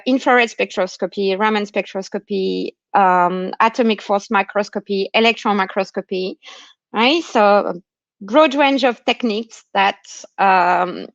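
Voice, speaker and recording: A woman researcher with a non-Australian accent explains academic material in an online talk given remotely during lockdown, often checking understanding with short tags. Her voice is medium in pitch and normal in speed, with no echo. The call audio is muffled and lo-fi.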